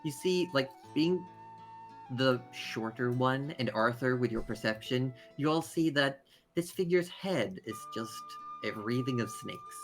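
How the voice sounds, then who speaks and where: A man improvising tabletop game narration as game master, in halting descriptions. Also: mid-range voice, expressive, soft background music.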